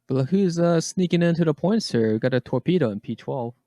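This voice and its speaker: A man's voice: fairly high pitch, animated, fairly quick, warm tone, no room sound. Jokey man calling race action. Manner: jokey, calls the action on screen. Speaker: podcast co-host. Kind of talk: casual race-watching chat.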